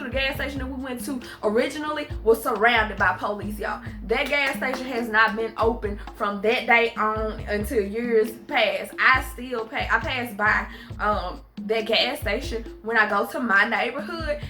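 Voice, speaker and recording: Animated young woman telling a story, bright voice. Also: a little high. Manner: animated, acts out quoted dialogue. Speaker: vlogger. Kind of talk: casual storytelling to camera. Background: soft background music.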